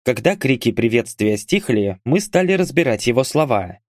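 A man reading an audiobook aloud as narrator, with expressive, lively storytelling. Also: mid-range voice, moderate pace, no room sound, studio quality.

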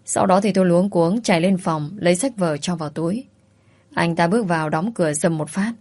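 A woman telling a first-person story in an even, soft-spoken way. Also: on the low side, a little fast.

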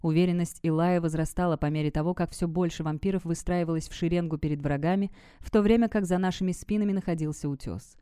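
A woman's voice: lowish voice, fairly even intonation, fast talker, few pauses, mellow, smooth, dry recording, clean studio sound. Woman narrating a dramatic audiobook. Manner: dramatic first-person reading.

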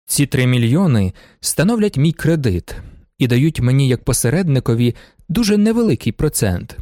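A composed merchant lays out a business proposal in a measured, persuasive voice, lower and steadier than the nobles around him, as a male reader voices him. The sound is dry and close. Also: very animated, warm tone, no room sound, lightly acted. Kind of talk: audiobook character voice.

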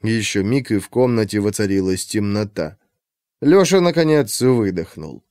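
A man narrating an audiobook in a measured, suspenseful storytelling manner. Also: lowish voice, animated, a little mellow, no echo, studio quality. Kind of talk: scripted narration.

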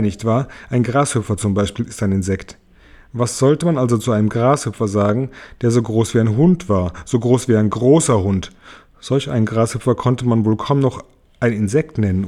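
A man calmly narrating a children's book aloud. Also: medium pitch. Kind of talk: audiobook reading of a children's book.

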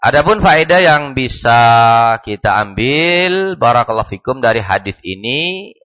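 A man with an Indonesian accent teaching a mosque lesson, acting out little dialogues and reciting Arabic slowly. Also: medium pitch, big pitch swings, bright, forceful tone, dry recording. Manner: acts out little dialogues, frequent "barakallahu fikum"; slow, measured recitation of Arabic text. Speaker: ustadz teaching a book study. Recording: dull lo-fi dry recording.

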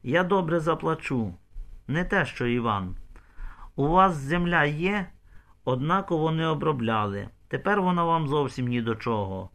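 A man's voice: on the high side, expressive, moderate pace, a bit bright. A man voicing a shrewd, pushy village woman trader in an audiobook. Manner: persuasive, pushy.

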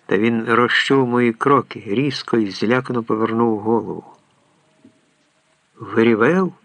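A man narrating an audiobook in a measured storytelling way. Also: mid-range voice, steady tone, gravelly, a bit bright, dry recording.

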